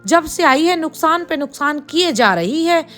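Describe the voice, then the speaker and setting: A woman's voice: high voice, lively intonation, a little slow, fairly bright tone, soft background music. A woman voicing a scheming, greedy older mother-in-law in a storybook tale, speaking in a harsh, scolding way. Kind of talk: storybook voice acting.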